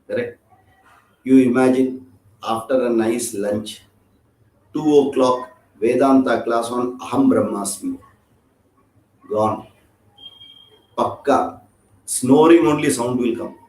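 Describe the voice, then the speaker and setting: A man's voice: medium pitch, slow, pauses often, a little mellow. A man with an Indian accent teaching an informal scripture class, chatty and joking, often checking in with his listeners. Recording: roomy echo.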